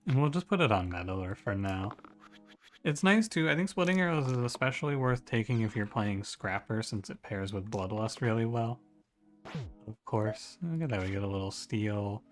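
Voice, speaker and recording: A man's voice: fairly low pitch, expressive, normal speed, faint music behind. A man giving casual strategy game commentary, thinking aloud in a musing, conversational way and often correcting himself. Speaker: gaming streamer.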